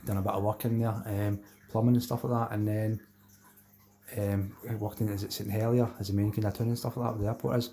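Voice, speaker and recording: With a lowish, mellow voice and level tone, a man from Glasgow talks fast while reading and answering viewers on a fishing live stream, chatty, rambling, and matey, with colloquial Scots wording. A little hiss or hum can be heard.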